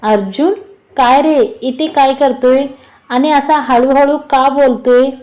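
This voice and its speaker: Woman reading a young wife, scolding and earnest, high soft voice. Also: steady tone, takes it slowly, rough recording. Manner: scolding, bewildered questions.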